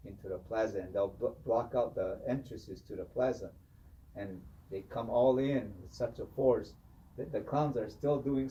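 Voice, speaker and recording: A man telling a traditional story in an animated way, often saying "you know". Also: fairly low pitch, lo-fi sound, a little hiss or hum. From Hopi. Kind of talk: oral storytelling. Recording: distant mic with faint ambience.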